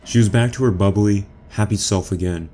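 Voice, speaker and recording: A man narrating a horror story in the first person, quiet, measured and menacing. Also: on the low side.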